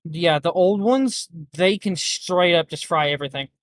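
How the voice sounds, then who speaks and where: A man playing a game with friends, making quick reactive callouts and frustrated outbursts. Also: a little high, no echo. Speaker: gaming teammate. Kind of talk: casual chat while gaming. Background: game music.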